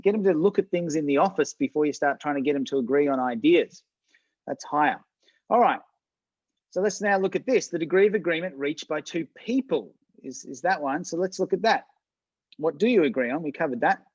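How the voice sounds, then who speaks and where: A man with a fairly high voice runs an online business workshop in a casual, chatty way. He repeats words, restarts sentences, and speaks directly to his listeners to check in. The recording is dry with the highs cut off.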